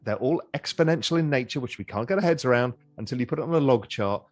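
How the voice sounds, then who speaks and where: A middle-aged man speaks as an interview guest at a medium pitch, his voice swinging up and down in lively, animated contours. He talks conversationally, repeating and restarting phrases as he thinks aloud. Faint music plays softly behind him. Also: quick pace.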